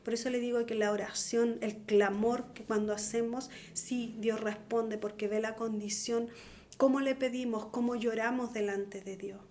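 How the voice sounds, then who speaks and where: A woman's voice: fairly high pitch, steady tone, normal speed, a little mellow, a little hiss or hum. A middle-aged woman giving an earnest, pleading testimonial sermon. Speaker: preacher.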